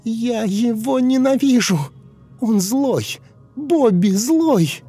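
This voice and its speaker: A woman's voice: fairly high pitch, animated, slow, dark tone, breathy edge, faint music behind, full character voice. A woman voicing a hypnotized woman who speaks as a ten-year-old girl, sobbing and pleading. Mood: bitter, pleading. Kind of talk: audiobook character voice.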